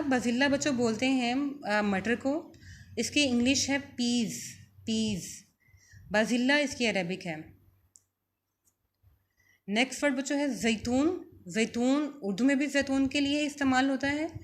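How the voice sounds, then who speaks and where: A woman with a Pakistani Urdu accent and a high voice teaches a vocabulary lesson, saying each word slowly and repeating it for her students.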